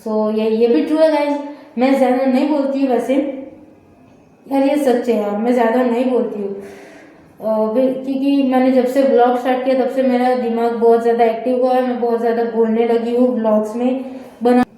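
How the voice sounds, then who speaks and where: A young woman vlogging casually on a phone she holds, feeling unwell and low on energy, talking softly with a rambling flow and many fillers. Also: steady tone, brisk, heavy reverb, rough recording. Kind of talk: casual vlog chat. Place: room upstairs at home. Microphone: phone held in hand.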